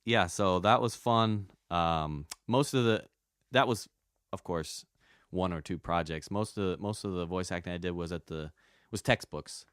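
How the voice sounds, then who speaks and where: A man's voice: low voice, a little slow, a bit bright, clean tone, no echo, clean studio sound. An American man, a comedian guest in a casual podcast interview, telling stories in a rambling, self-mocking way. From United States. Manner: rambling, self-mocking, with frequent restarts and acted-out quotes.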